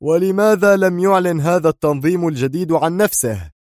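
A man's voice: sits high, brisk, a little mellow, no echo, clean studio sound, pitched above the performer's own voice, natural voice. A man voicing a stern, easily angered male security director in an audiobook, speaking in a strained, raised voice. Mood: indignant.

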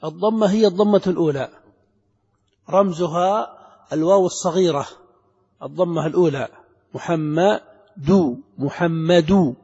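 High-voiced man teaching in a hall. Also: brisk, long pauses, a little mellow, slightly rough. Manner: repeats key words and asks the class questions. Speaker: grammar teacher. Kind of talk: classroom lesson explaining grammar. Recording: lo-fi lecture hall recording with long reverb.

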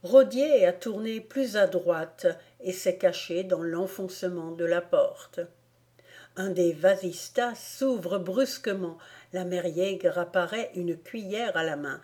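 A woman narrating a classic storybook in a calm, measured voice. She reads very slowly, with a low, dark, mellow tone. The delivery is steady and gentle. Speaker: audiobook reader.

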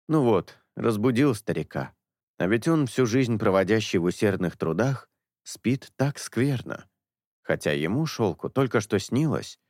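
A man narrating an audiobook in a measured, expressive storytelling manner. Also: deep voice, no room sound, clean studio sound.

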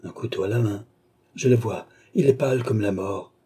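A man voicing an entranced young woman in an audiobook, anguished and pleading, her cries climbing high. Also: moderate pace, warm tone, husky.

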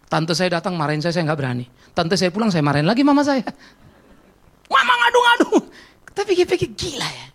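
A male pastor delivers a sermon full of stories and personal confession. His voice carries a gravelly edge, and he lurches from loud, emphatic exclamations to hushed, reflective passages. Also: a little high, expressive, fast. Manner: dramatic, swings from loud exclamations to quiet reflection.

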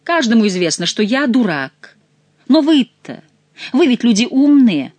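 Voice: mid-range voice, big pitch swings, moderate pace, no echo, pitched above the performer's own voice. A reader voicing a sardonic male court jester who scolds the king's men in an audiobook. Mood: mocking. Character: mocking male royal jester. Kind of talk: audiobook character voice.

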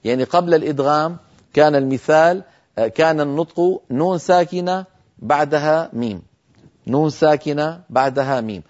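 A man teaching recitation in a televised lesson, calmly explaining each rule and then demonstrating it slowly, with long, drawn-out nasal sounds. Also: fairly high pitch. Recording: muffled broadcast audio.

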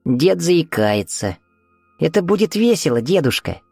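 A man imitating the thin, squeaky voice of a little boy, as a possessed character in an audiobook. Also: very animated, measured pace, creaky, darkish tone, breathy edge, no room sound, studio quality, soft background music, full character voice. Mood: eerie glee.

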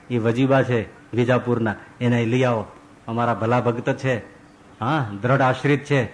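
A male monk preacher giving a devotional sermon, telling stories in an animated way. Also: medium pitch, poor audio. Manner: animated storyteller who voices characters.

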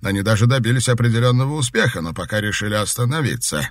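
A man's voice: medium pitch, animated, fast talker, dry recording, clean studio sound, voice pushed up, close to an everyday voice. A man voicing an obsequious middle-aged asylum doctor. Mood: ingratiating. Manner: ingratiating, obsequious.

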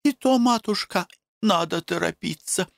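A male reader voicing frightened village women who wail and plead in high shrill voices. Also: unhurried, vocal fry, dry recording, studio quality. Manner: wailing, pleading.

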